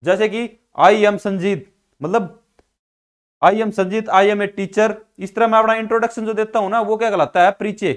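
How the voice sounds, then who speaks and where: A man teaches a class. He asks questions and answers them himself, and keeps saying "ठीक है भाई" as he explains each point. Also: sits high. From Haryana, India. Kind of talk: classroom lecture explaining English pronunciation.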